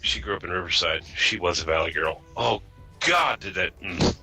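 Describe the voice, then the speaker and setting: A man's voice: low-pitched, moderate pace, creaky, bright, forceful tone, husky, faint music behind, low-quality recording. A man hosting a casual podcast chat, from the US East Coast, talking bluntly and rambling through stories. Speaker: podcast host.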